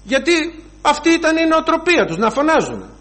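Male preacher, high-pitched, lively storyteller who acts out the scenes. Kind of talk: sermon.

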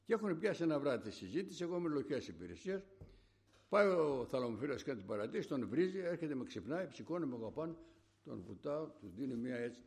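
A man's voice: a little high, gravelly. An older man recalling his younger days in a rambling, conversational storytelling style. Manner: rambling, conversational, acts out remembered dialogue. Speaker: storyteller recalling army service. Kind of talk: rambling oral-history storytelling.

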